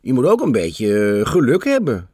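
A man voicing a patient, kindly grandmother in a storybook reading, gentle and musing. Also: mid-range voice, huge pitch swings, moderate pace, breathy edge, no echo, clean studio sound.

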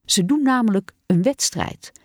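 A woman's voice: mid-range voice, lively intonation, moderate pace, no room sound, studio quality, voice pushed up, natural voice. A woman voicing an exuberant man who presents animals like a showman, with theatrical announcing. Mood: mock serious. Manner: theatrical announcer, sweeping and exaggerated. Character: cheerful showman man, zookeeper-teacher.

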